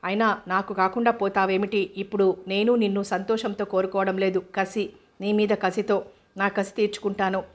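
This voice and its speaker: A woman reading the lines of a scheming, resentful young woman in a storybook drama, in a flat, even way. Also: mid-range voice, normal speed, natural voice.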